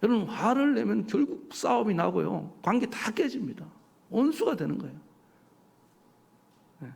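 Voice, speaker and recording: A male pastor delivering a sermon, animated and full of rhetorical questions to his congregation. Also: high voice, moderate pace, creaky. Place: church sanctuary. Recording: church hall reverb.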